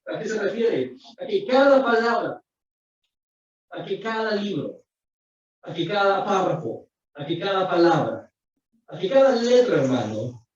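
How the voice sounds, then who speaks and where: Preacher, male, high voice, emphatic and repetitive, heard from afar in a boomy church on a dull lo-fi recording. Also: darkish tone, slight background noise. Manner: emphatic, repetitive preaching, addresses listeners as brothers. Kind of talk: sermon. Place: church sanctuary. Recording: echoey distant lo-fi church recording.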